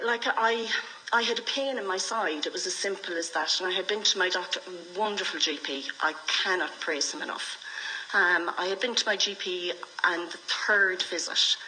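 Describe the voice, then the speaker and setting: A middle-aged Irish woman with a lowish, bright, forward voice speaks frankly and reflectively, telling personal stories in conversation as an interview guest. There is faint noise and room ambience behind her. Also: rough recording. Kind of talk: candid personal storytelling in conversation.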